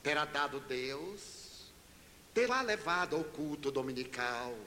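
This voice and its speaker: High, bright older man giving a dramatic talk. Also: expressive, slow. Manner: dramatic, with sudden shifts in pitch and loudness. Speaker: spiritist speaker. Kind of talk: sermon-style dramatic storytelling. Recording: reverberant hall, faint hiss.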